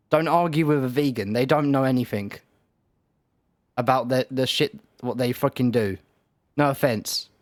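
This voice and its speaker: Man, streamer, rambling rant, dry close sound, mid pitch. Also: no echo. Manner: rambling, profane, many restarts. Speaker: game streamer.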